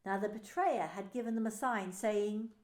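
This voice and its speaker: A woman minister narrating scripture in an expressive, deliberate way. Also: medium pitch. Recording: echoey room.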